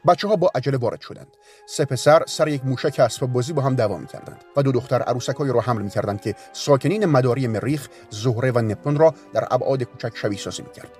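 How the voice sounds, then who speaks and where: A man reading a story aloud as narrator, in a steady, even storytelling manner. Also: medium pitch, faint music behind.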